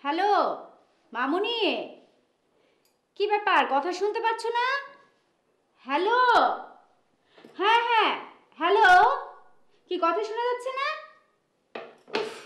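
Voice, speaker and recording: An actress playing a proud middle-aged mother who shouts into a bad phone line and scolds a rude young man. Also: very high-pitched, lively intonation, a little slow, long pauses, exaggerated voice. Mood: impatient. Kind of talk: TV drama acting. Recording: echoey room with faint music.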